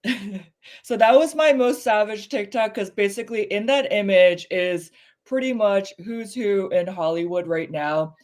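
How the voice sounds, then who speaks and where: A woman's voice: medium pitch, darkish tone. Candid, opinionated woman co-host. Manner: opinionated, candid, fast with many fillers. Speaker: podcast co-host. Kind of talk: casual chat.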